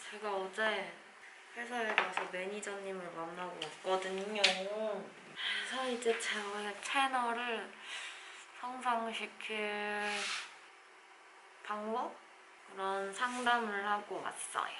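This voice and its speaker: A woman's voice: mid-range voice, steady tone, slow, pauses often, roomy sound. A young woman chatting casually for her vlog while talking through a face mask. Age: young adult. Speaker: vlogger. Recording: loud background noise.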